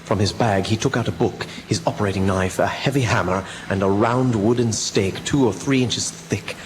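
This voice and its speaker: Gothic radio drama doctor, played by a man: low-pitched, earnest, haunted, measured storyteller, noisy recording. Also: close to an everyday voice. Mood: haunted, tense. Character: earnest, haunted male doctor recounting horrors. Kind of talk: dramatic first-person radio drama narration.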